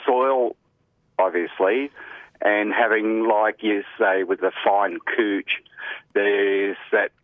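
An Australian man calling in by phone, casually talking and haltingly searching for his words. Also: fairly low pitch, steady tone, no room sound. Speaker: caller. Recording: muffled narrowband telephone line.

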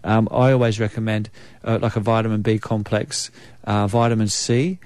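A man with a New Zealand accent speaking as a naturopath guest, explaining in a measured way with frequent ums. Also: lowish voice, level tone, darkish tone, dry recording. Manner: measured, explanatory, many um fillers. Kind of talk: conversational expert interview.

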